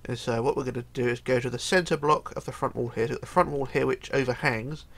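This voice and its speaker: A steady, slightly bright, mid-range male voice moves at a quick pace. It belongs to a middle-aged tutorial host with a cold-roughened throat who chats through a casual game build at his home computer desk, counting blocks aloud and mumbling often.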